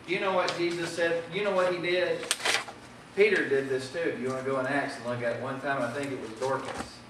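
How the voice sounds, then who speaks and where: A man's voice: mid-range voice, steady tone, brisk, very echoey, distant mic, noisy background. A man preaching a sermon with impassioned delivery that rises and falls in volume. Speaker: pastor. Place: church sanctuary.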